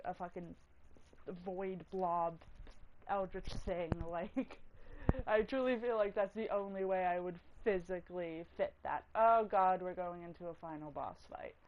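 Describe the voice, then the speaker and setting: A woman with a medium-pitched, slightly mellow voice rambles casually as she plays a video game, cursing freely and cutting herself off with startled outbursts. She's a gaming video creator; game music plays behind her, and the low-quality recording has a bit of hiss or hum.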